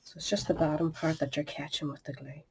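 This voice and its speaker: A chatty, homely woman hosts a step-by-step crafting tutorial while sniffling with a cold and muttering asides under her breath. She speaks quickly in a deep voice with a level tone, over a noisy background.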